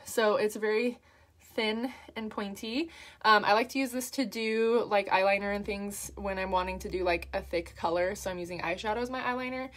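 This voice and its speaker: A makeup artist talks through a tutorial while she works, chatty and upbeat with plenty of fillers. Her voice is medium-pitched and steady, at a moderate pace.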